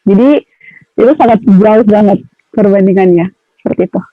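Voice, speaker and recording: A young woman from Papua, a podcast guest telling a personal story in a direct, animated way. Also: mid-range voice, moderate pace, no echo. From Papua, Indonesia. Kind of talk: casual storytelling. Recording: tinny, dry phone-like sound.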